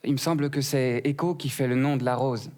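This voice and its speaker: A man voicing a prim, witty female rose who answers his flirting with sharp retorts. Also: mid-range voice, fairly even intonation, fairly quick, natural voice.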